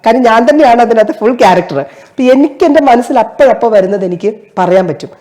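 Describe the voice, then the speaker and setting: A woman's voice: fairly high pitch, animated, fast, dark tone. A woman actress as an interview guest, explaining earnestly and at length with fillers and restarts. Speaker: guest, stage and television actress. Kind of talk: casual interview chat.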